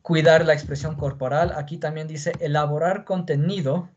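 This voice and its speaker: A man's voice: fairly high pitch, fairly even intonation, normal speed. Man teaching a class, patient explanations, raised voice, muffled lo-fi sound. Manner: explains patiently, checks in with questions. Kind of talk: classroom lesson.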